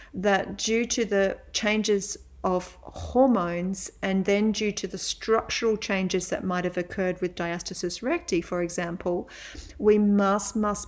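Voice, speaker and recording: Slow, measured woman lecturing on health. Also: medium pitch. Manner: slow, measured explaining with frequent "um" pauses. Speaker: women's health physiotherapist and yoga teacher. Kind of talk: educational webinar lecture.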